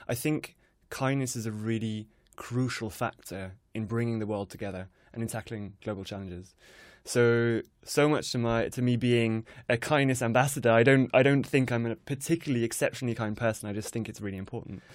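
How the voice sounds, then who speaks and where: A man's voice: mid-range voice, brisk, hardly any pauses, dry recording, clean studio sound. A man in his twenties who grew up in Switzerland, speaking with an English accent as an interview guest, thoughtful and modest. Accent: English, not from a specific place. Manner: thoughtful, modest, self-deprecating. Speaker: guest, kindness project founder. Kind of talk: conversational interview.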